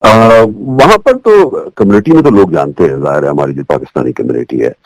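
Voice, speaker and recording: Low-voiced older man reminiscing. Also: brisk, no echo, poor audio. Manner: relaxed storyteller, acts out remembered lines. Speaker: former radio and TV newsreader. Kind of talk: reminiscing interview talk. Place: living in the United States.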